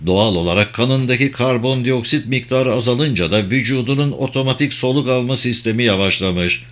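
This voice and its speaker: A man reading a story aloud as an audiobook, in measured, dramatic scripted narration. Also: medium pitch, a bit bright.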